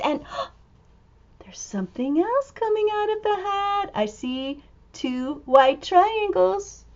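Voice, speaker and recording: Reading aloud to little kids from a picture book, this woman's voice sits high as she exclaims with flair, draws words out long and drops to whispered asides. The audio is lo-fi.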